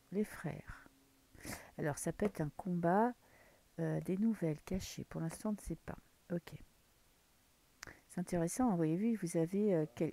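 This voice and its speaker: A Frenchwoman reads tarot casually for the camera, her voice fairly low and warm, with no room sound in the recording. She muses aloud as she draws cards and sometimes slips into a whisper.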